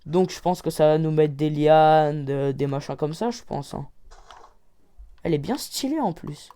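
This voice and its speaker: A woman hosting a gaming channel, giving excited game commentary with loud exclamations, rating each item out of ten. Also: deep voice, measured pace, soft background music.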